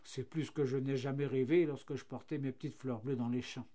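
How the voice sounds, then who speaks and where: A man's voice: mid-range voice, steady tone, brisk, mellow, natural voice. A man voicing a cheerful, self-satisfied flax plant that becomes linen and then paper, marvelling at its fortune. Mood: content.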